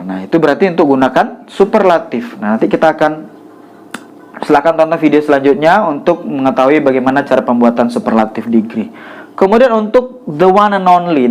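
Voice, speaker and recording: A man giving a casual grammar lesson, explaining step by step and repeating each example slowly. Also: on the high side, darkish tone. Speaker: English teacher.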